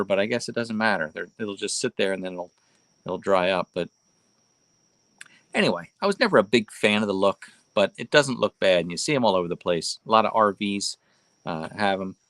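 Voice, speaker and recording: A man with a fairly low voice chats casually as a livestream host. His delivery is folksy and rambling, circling back to repeat phrases for emphasis. The sound is dry, with very little room in it. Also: animated, brisk, a bit bright, no room sound. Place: inside a barn.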